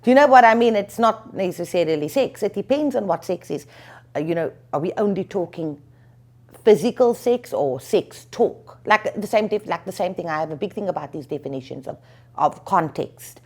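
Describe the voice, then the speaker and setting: Low-pitched woman explaining law. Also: expressive, a little mellow. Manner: measured, thinks aloud with frequent "um" and "you know". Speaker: attorney and lecturer, interview guest. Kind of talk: explanatory legal discussion.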